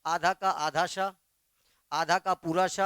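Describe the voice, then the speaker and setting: A man teaches Hindi letters in a slow, emphatic way, with a Chhattisgarhi Hindi accent, spelling the sounds out piece by piece. His voice sits high and comes across smooth and clear. The sound is dry and close. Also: steady tone, a bit bright, dry recording. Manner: quizzing questions then answering them. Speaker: Hindi tutor. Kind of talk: classroom lesson.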